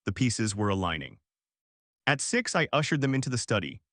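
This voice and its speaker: A man narrating a first-person story in an even, measured way. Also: mid-range voice, dry recording, clean studio sound.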